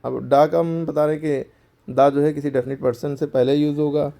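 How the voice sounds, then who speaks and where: A man's voice: fairly high pitch, little pitch movement, moderate pace, creaky, mellow. A man teaching a grammar lesson to schoolchildren, explaining step by step and answering his own questions.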